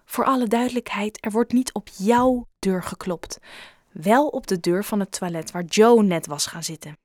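A woman narrating a children's audiobook in a lively storyteller's manner with playful asides. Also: medium pitch, moderate pace, dry recording, clean studio sound.

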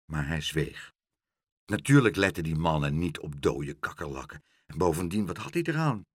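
A man's voice: rumbling low, very animated, normal speed, slightly rough, no room sound, clean studio sound. A man reading a children's story aloud, acting out every line.

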